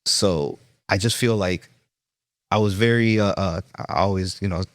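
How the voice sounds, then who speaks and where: A man's voice: low voice, unhurried, no echo, studio quality. A man with a New York accent, a chef being interviewed, telling his story earnestly with fillers and restarts. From Brooklyn. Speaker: chef, guest.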